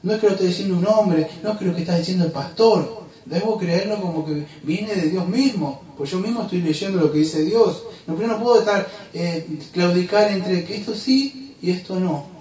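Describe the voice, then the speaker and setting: Preacher man, high voice, fervent and emphatic, recorded from across a roomy church hall. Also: normal speed, recorded from a distance. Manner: fervent preaching, rising to emphatic outbursts and dropping to quiet asides. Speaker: pastor. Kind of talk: sermon.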